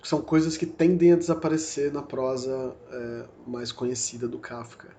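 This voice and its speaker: A mellow, dark-voiced man with a Brazilian Portuguese accent lectures on literature for a recorded course. He talks in a reflective, searching way at a middling pitch, pausing on fillers and correcting himself as he goes. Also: flat delivery. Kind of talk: recorded university lecture podcast.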